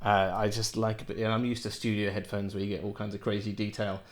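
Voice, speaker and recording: A man's voice: on the low side, level tone, quick pace. A man in his thirties from Wales, reviewing headphones in a rambling, chatty way in a home office. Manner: rambling, chatty, self-interrupting with laughs. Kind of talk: casual product review. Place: home office with window and plants.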